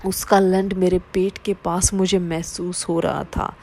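A woman reading a first-person story aloud in a steady, low-key way. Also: measured pace. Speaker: narrator.

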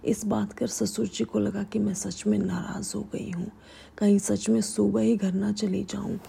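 A woman narrating a first-person story in a steady, intimate whisper. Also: medium pitch, unhurried, gravelly, husky.

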